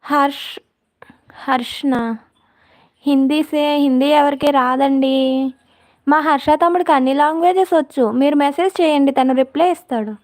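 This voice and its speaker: A woman's voice: sits high, moderate pace, pauses often, a little mellow. A woman hosting a casual live stream, chatting with viewers and answering their comments by name.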